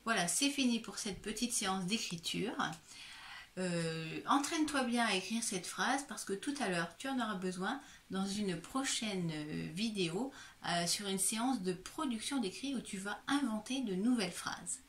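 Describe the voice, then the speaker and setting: A woman's voice: mid-range voice, animated, moderate pace. Woman from France primary teacher, patient step-by-step lesson, roomy sound, a bit off-mic. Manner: patient, addresses the child directly. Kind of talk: slow step-by-step handwriting lesson for a young child. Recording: roomy, distant from the mic, faint background noise.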